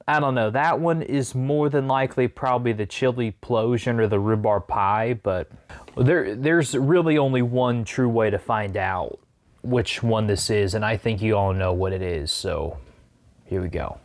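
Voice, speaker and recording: A man's voice: lowish voice, measured pace. A man talking casually to camera as a food challenge vlogger while eating sour candy.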